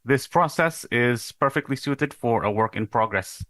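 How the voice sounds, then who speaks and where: A young man from Indonesia giving a recorded conference talk as a PhD researcher, in a measured, explanatory way with the odd rhetorical question. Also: medium pitch, sharp tone, dry recording.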